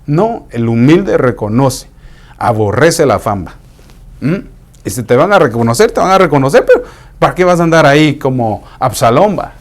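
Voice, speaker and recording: A man preaching a sermon in a conversational way, dropping into hushed asides to act out what people say. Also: mid-range voice, sing-song, normal speed.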